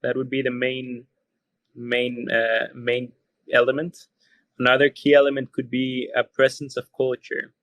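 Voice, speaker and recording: This Costa Rican hotelier, a podcast guest with a Spanish accent, answers questions thoughtfully in a mid-range, completely flat, unhurried voice that is a bit bright. He often repeats words while searching for phrasing, and the recording has no echo.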